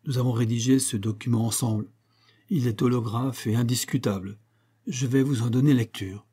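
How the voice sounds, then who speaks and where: A man's voice: medium pitch, steady tone, moderate pace, dark tone, husky, natural voice. A man voicing a cold, polite old notary who reads out a will in a formal, solemn tone.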